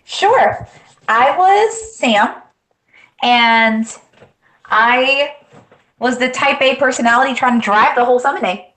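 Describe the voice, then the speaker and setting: An actress joining a casual online Q&A, cheerful and playful. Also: female voice, high-pitched, animated, slow pace, pauses often, a bit bright. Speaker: cast member, actress. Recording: roomy echo.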